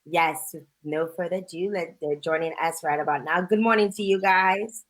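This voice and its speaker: A woman's voice: lowish voice, moderate pace, rough recording. A woman co-hosting a radio talk show, playful and teasing with her guests. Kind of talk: casual radio chat.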